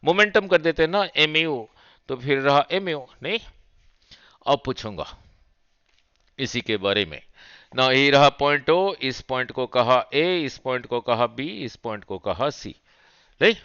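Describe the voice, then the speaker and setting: A man's voice: medium pitch, animated, unhurried, long pauses, bright, forceful tone, smooth, no echo, lo-fi sound. A man teaching physics revision in Hindi mixed with English terms, quizzing his students with repeated checks as he works through diagrams. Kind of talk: fast exam revision lecture.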